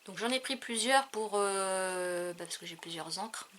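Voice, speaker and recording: A woman's voice: medium pitch, unhurried, a bit bright. A woman chatting casually about her craft purchases, hesitant and full of fillers. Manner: hesitant, many fillers, trailing off. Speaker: craft haul vlogger. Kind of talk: casual chat showing purchases.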